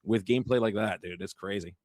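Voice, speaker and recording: A man doing lively live commentary on a card game match, chatty and quick to laugh. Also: lowish voice, no echo. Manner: excitable, chatty, laughs often. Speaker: caster.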